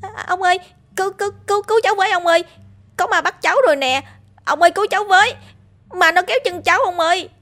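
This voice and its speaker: A woman voicing a frightened young male grandson who whines and pleads in high, shrill cries. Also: animated, brisk, lightly acted. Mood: terrified.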